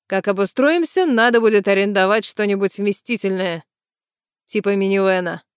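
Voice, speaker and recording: A man's voice: high-pitched, moderate pace, clean tone, dry recording, lightly acted. Grumbling dismissive man, read by a woman, storybook, dry recording. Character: gruff practical older brother, grumbling.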